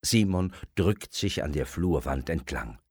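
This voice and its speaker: A man reading a children's story aloud in an expressive storyteller style. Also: rumbling low, measured pace, breathy edge, dry recording, studio quality. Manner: expressive, acts out voices.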